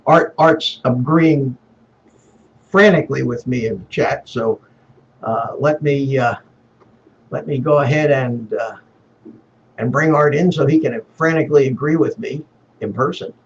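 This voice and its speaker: A man hosting a casual livestream chat, his voice hollow and boomy as if he were inside a barrel because a webcam mic picks him up from across the room. He rambles and fumbles with his gear. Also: unhurried, pauses often, muffled recording, slight background noise. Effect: hollow, boomy sound as if inside a barrel. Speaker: livestream show host. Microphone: webcam microphone picking him up from across the room.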